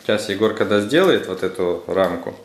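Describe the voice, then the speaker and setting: Speaking fairly quickly in a low, expressive voice, a man walks his children through a craft at home in the living room. He keeps it casual, handing out instructions and prompting them with questions, in a roomy indoor recording.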